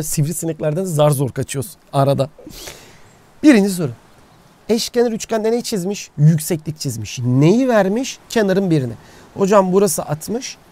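Outdoors by the sea, a male math teacher gives a casual geometry lesson, talking to himself and answering his own questions. His voice is high and mellow.

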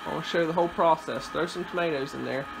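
A man's voice: on the high side, racing, vocal fry, noisy background. A man in his thirties, a homestead father, casually explaining a kitchen task while working with his kids at home. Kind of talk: casual demonstration.

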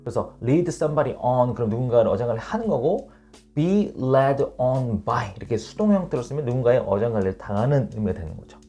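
A man teaching English online, his pitch rising and falling a great deal as he talks. He reads each English example slowly and then explains it patiently. Faint music plays behind him. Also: lively intonation, warm tone.

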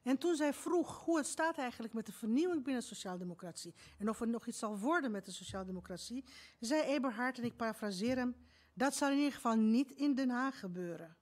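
A woman in her fifties from Romania, giving a prepared speech from a stage with measured, literary storytelling. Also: a little high, expressive, darkish tone. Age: 50s. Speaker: speaker at a book event. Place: stage in an event hall.

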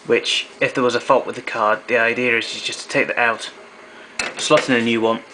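At home indoors, a hobbyist demonstrator explains equipment in a practical, technical way, recorded through a camera microphone. His voice is medium-pitched and steady at a normal speed, with some background noise.

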